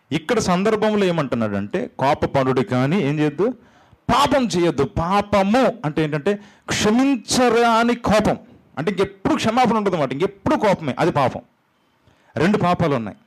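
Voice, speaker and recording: A man in the middle of a sermon, delivering it with dramatic energy. His voice sits at a middle pitch, then suddenly leaps up or sinks low as he acts out the voices of others. He drops English phrases into his preaching. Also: low-quality recording. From India. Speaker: pastor.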